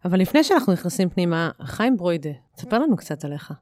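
A woman's voice: on the low side, big pitch swings, a little mellow, no room sound. A woman hosting a business podcast, welcoming a guest in an upbeat way. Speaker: podcast host. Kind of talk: podcast host introduction.

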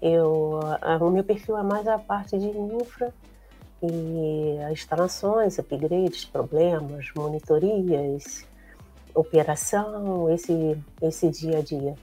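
Woman, low husky mellow voice, relaxed interview guest. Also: slow pace, faint music behind, rough recording. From Brazil. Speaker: guest database administrator. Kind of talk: casual interview chat.

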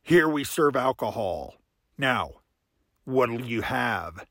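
Male reader as gruff bartender, slow, dry, unimpressed. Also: mid-range voice, very animated, fairly bright tone, dry recording, heavily acted. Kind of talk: audiobook drama reading.

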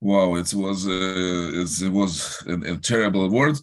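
Older rabbi, Russian accent, low-pitched and hesitant, restarts often while answering an interviewer. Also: male voice. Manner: halting, searching for words, many restarts.

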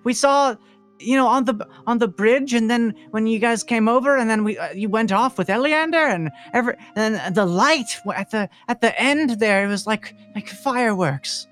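A man voicing an excited townsperson in a tabletop game, gushing and stumbling over his words. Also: high voice, moderate pace, faint music behind, pitched above the performer's own voice. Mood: awestruck.

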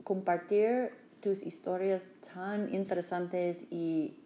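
Slow, mellow-voiced woman host. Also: fairly low pitch, steady tone, slight background noise. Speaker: podcast host. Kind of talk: casual podcast conversation.

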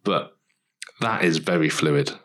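A man's voice: rumbling low, takes it slowly, a bit bright, poor audio. A man co-hosting a podcast, speaking thoughtfully and often restarting his sentences. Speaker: podcast co-host, dental associate. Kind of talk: casual podcast discussion.

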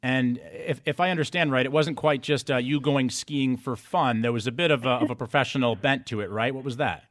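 A man's voice: mid-range voice, fairly quick, a bit bright, no room sound. A man hosting a casual radio talk show from a studio, with playful, teasing banter. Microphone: studio microphone.

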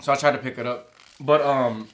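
A man's voice: medium pitch, fairly even intonation, fairly quick, fairly bright tone. A man chatting casually among friends, rambling and joking with lots of filler words and swearing. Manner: rambling, heavy use of "like" and fillers; profane, joking. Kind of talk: casual chat.

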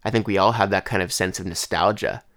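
Young male podcast host, stuffed-up and congested, low-pitched and close and dry, rambling solo talk. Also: steady tone, fast talker, a bit bright, no echo. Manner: rambling, conversational, with restarts. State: congested throat and head. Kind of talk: casual solo monologue.

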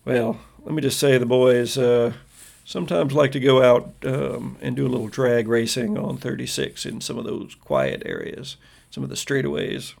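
Stern folksy sheriff, big and protective, gravelly, a man acting it. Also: medium pitch, fairly even intonation, moderate pace, darkish tone. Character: big gruff small-town 1950s sheriff, protective father.

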